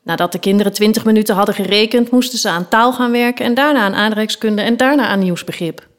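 A woman, the author of a children's book, reading a story from it aloud in a lively storytelling manner. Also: mid-range voice, fast.

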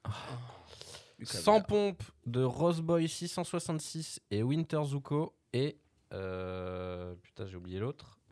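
A man's voice: medium pitch, lively intonation, slow pace, warm tone, no room sound. A young man co-hosting a casual podcast, hesitant as he lists things. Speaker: podcast co-host.

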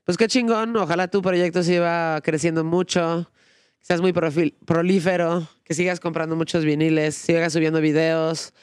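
A man with a Mexican accent hosting a casual interview, relaxed and slangy. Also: a little high, moderate pace, smooth, no room sound, clean studio sound. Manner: laid-back, slangy, brief affirmations. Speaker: interview host. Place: radio studio.

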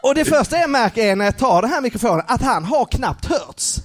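Very high-pitched young man, live storytelling, laughing, lots of fillers. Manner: lively, laughing, full of filler words. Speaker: comedian telling a story.

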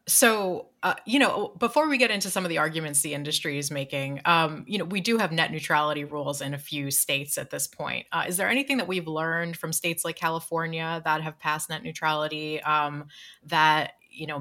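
A woman's voice: low voice, bright, forceful tone. A woman with a Queens, New York accent hosting an interview podcast. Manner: fast-talking. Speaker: podcast host. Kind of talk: podcast interview with prepared introduction.

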